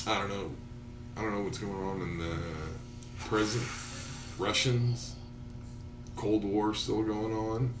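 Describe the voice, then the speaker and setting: A man's voice: on the low side, level tone, slow pace, pauses often, far from the mic, music in the background. A young man co-hosting a podcast, rambling casually and swearing a lot. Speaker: podcast co-host. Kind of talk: casual stoner chat. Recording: roomy echo, noisy, off-mic.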